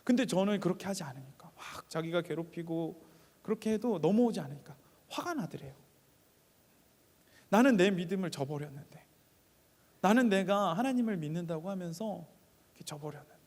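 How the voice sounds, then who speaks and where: A man preaching a sermon in a church, telling a personal story, moving between quiet asides and raised appeals to the congregation. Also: on the high side, big-room sound.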